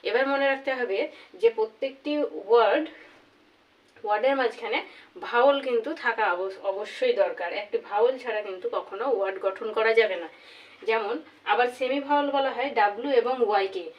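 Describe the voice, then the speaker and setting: A woman teaching a grammar lesson, slowly repeating each example word. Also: fairly high pitch, lo-fi sound. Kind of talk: classroom lesson. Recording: voice from far off the mic.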